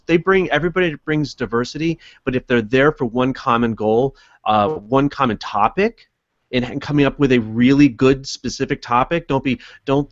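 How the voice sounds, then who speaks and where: A man guest on a live web show giving earnest advice in a halting way, with many fillers and restarts. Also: medium pitch, dry recording. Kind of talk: casual advice chat. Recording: dull lo-fi web stream audio.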